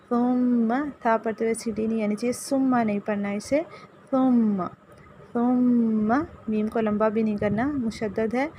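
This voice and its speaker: Lady tajweed teacher, kinda high voice, goes over each word again and again, bit of faint hum in the back. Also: darkish tone. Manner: patiently corrects pronunciation, repeating words to demonstrate. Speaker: Quran recitation teacher. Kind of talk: tajweed lesson.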